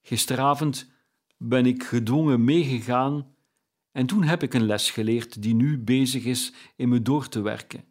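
A man's voice: medium pitch, a little slow, a little mellow, close to an everyday voice. A man voicing a humbled, meek old miser who speaks timidly and submissively in a storybook reading. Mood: pleading.

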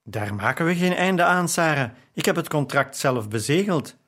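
A man's voice: on the high side, expressive, normal speed, a bit bright, pitched above the performer's own voice. A tired, resigned father in an audiobook, speaking with weary firmness and little fight left, as the male narrator voices him. His voice sits slightly above the reader's plain tone. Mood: weary firm.

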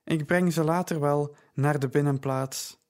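A man voicing a tired, kind-hearted woman with a dry, gentle, plain-spoken manner in an audiobook. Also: on the high side, steady tone, unhurried, lightly acted. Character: weary, kind-hearted middle-aged woman host.

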